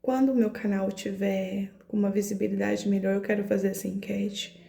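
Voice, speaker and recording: Emotional woman with a gravelly voice. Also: medium pitch, flat delivery, brisk, dark tone, echoey room. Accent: Brazilian Portuguese, São Paulo area. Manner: emotional, hesitant, repeats words. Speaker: astrology vlogger. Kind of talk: personal storytelling vlog.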